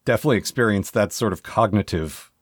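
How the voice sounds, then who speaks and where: A man's voice: fairly low pitch, quick pace, breathy edge, no room sound, studio quality. A man co-hosting a podcast, rambling and hesitant in casual chat. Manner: rambling, hesitant, many fillers. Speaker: podcast co-host.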